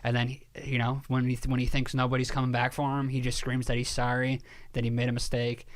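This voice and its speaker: A man co-hosting a podcast in casual chat, telling a story with lively energy, swearing casually and laughing at himself. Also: mid-range voice, fast talker. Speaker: podcast co-host.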